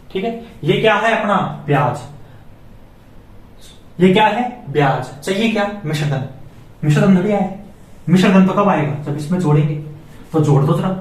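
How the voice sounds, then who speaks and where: A man teaching a maths lesson, putting questions to the class and then answering them himself. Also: high voice. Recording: echoey room, voice from far off.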